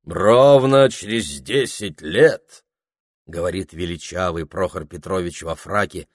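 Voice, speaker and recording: A man voicing a delirious wealthy middle-aged man in an audiobook, shouting frantically and whispering feverishly. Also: on the low side. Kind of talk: audiobook character voice.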